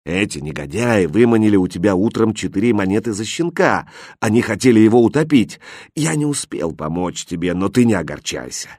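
A man voicing a kind, tall elderly gentleman in a storybook reading, speaking gently and softly. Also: expressive, brisk, breathy edge, no room sound, studio quality. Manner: gentle, soft-spoken and low.

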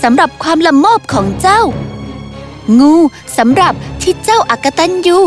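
Woman voicing a stern fairy judge, high and solemn. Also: animated, faint music behind. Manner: solemn, pronouncing judgment slowly.

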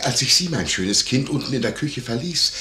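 An actor playing a fawning, gossipy innkeeper in a 1950s German radio play, talking in an eager, wheedling way. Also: male voice, medium pitch, animated, moderate pace, bright, forceful tone. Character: fawning, nosy male innkeeper, middle-aged. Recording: roomy, faintly noisy 1951 radio recording.

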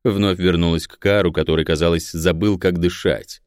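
A man narrating a fantasy novel in a steady storytelling voice into a close microphone. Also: low-pitched, normal speed, clear, resonant tone, no room sound. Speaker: audiobook narrator.

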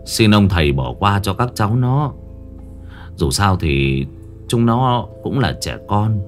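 A weary village father speaks low and subdued, sighing as he humbles himself, as a man puts him on. His voice sits deep, with a slow and even delivery. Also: soft background music.

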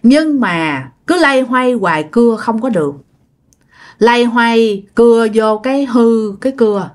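A woman's voice: on the high side, lively intonation, measured pace. A woman with a Southern Vietnamese accent telling a ghost story in a conversational way, repeating phrases and speaking to her listeners directly.

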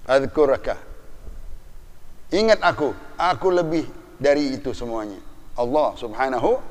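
A man preaching a sermon, animated, asking the congregation rhetorical questions. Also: medium pitch, unhurried. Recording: long hall reverb.

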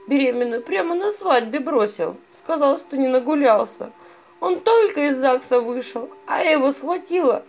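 A woman's voice: high-pitched, voice pushed up. A woman voicing a weepy, self-pitying dead young bride who talks through sobs. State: sobbing.

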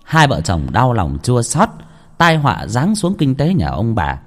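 A man's voice: mid-range voice, huge pitch swings, measured pace. A man narrating a horror story with dramatic delivery.

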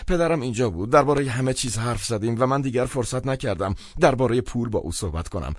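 A man's voice: mid-range voice, animated, dry recording, clean studio sound, pitched above the performer's own voice, lightly acted. A man voicing a desperate, broke man of about thirty who pleads urgently and stammers, in an audiobook.

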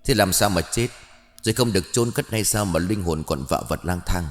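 Man doing bossy old ghost matriarch, brusque, low-pitched, audiobook. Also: a little fast, big-room sound, lightly acted. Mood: stern. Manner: brusque questioning. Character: stern old female ghost elder, bossy.

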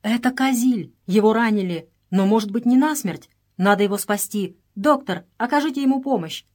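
A woman's voice: medium pitch, normal speed, darkish tone, lightly acted. A woman voicing an impulsive, grieving young Englishman who speaks in urgent exclamations in a read-aloud story.

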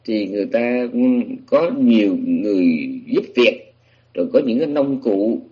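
A man's voice: lowish voice, expressive, normal speed, breathy edge, lo-fi sound. A man giving a Buddhist sutra lecture, explaining patiently with many restarts and fillers. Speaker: Buddhist teacher.

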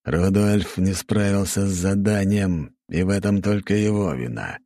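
A man voicing a wrathful, proud demon king who speaks in slow, booming proclamations. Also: mellow, no echo, studio quality. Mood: rousing.

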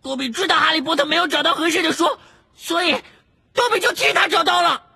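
A man voicing an excitable male house-elf servant in a shrill, squeaky, pleading voice. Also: quick pace, gravelly, full character voice. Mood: urgent squeaky.

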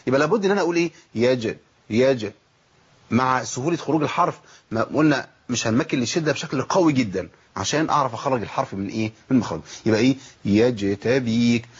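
The highs are cut off in this clip of a Quran recitation teacher giving a tajweed lesson. His Egyptian-accented voice is fairly high and slightly rough, and he teaches rapidly and animatedly, asking his own questions and demonstrating letter sounds.

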